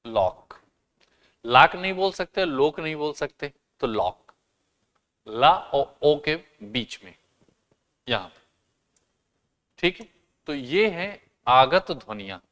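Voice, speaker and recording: A man teaching a class, explaining step by step, asking questions and answering them himself, and sounding out words slowly and carefully. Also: a little high, lively intonation, fairly bright tone. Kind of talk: classroom lesson.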